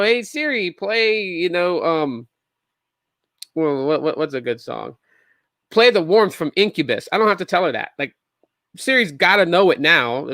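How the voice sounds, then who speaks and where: Male tech podcast host in his 30s, bright, slightly high voice, dry close sound, rambling and sarcastic. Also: no room sound. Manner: rambling, animated, sarcastic asides with many restarts. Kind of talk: casual solo tech chat.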